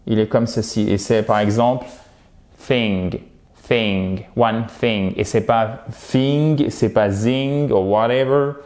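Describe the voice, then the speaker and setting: A man with a French accent teaching English pronunciation in a casual spoken lesson, lively, exaggerating the sounds and often checking in with his learners. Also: mid-range voice.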